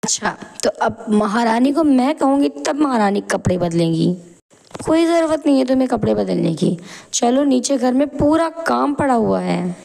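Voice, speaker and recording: Cartoon mother-in-law, middle-aged and scolding, low gravelly voice, played by a woman. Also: expressive, moderate pace. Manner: scolding, sharp taunts. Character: harsh middle-aged mother-in-law, favors fair bride.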